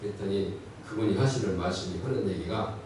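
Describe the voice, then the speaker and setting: A man preaching a sermon in a church, animated, acting out quoted voices as he speaks. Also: low-pitched, a little fast, a little hiss or hum. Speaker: pastor. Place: church sanctuary. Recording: echoey church hall, mic far off.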